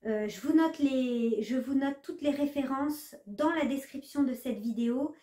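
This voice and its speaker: A slightly high-voiced woman talks casually to her viewers, chatty and full of small hesitations. The room around her is echoey. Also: a little slow, warm tone. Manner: chatty, hesitant with many fillers. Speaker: knitting vlogger. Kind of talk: casual chat to camera.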